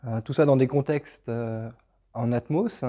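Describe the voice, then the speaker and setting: A man's voice: medium pitch, unhurried, mellow. A man in his thirties presenting his shop's open house, reading off long lists of brands with many hesitations, in a showroom. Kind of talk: casual presentation to camera. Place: hi-fi showroom with stone walls, indoors.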